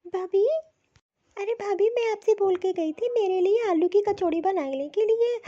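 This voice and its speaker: Cartoon: woman doing a whiny spoiled daughter, very high, dark tone, lo-fi. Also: measured pace. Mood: demanding. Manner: whiny, demanding. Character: spoiled young married daughter, demanding, whiny.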